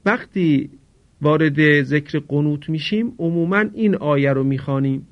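A man teaching Quran recitation in a formal radio lesson, slowly demonstrating how to pronounce each sound. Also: a little high. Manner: slow, careful demonstration of sounds; formal and polite. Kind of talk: radio lesson on Arabic pronunciation. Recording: dull lo-fi radio recording.

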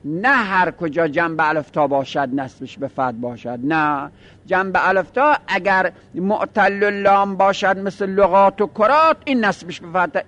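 A man's voice: fairly high pitch, fairly bright tone. A man giving a step-by-step grammar lesson in a seminary style, mixing quoted Arabic with plain explanation.

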